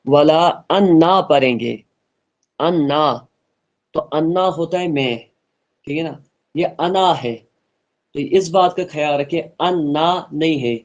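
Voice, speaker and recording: A man teaching an online tajweed lesson, explaining rules earnestly and repeating points, then modelling slow melodic recitation. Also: fairly high pitch, darkish tone, highs cut off.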